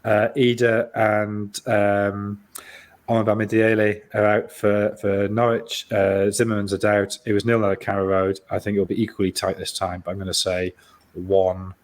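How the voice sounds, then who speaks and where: Casting note: male pundit, slightly low, loose rambling delivery. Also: level tone, normal speed. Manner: rambling, laughing, filler-heavy. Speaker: football pundit. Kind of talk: casual football chat.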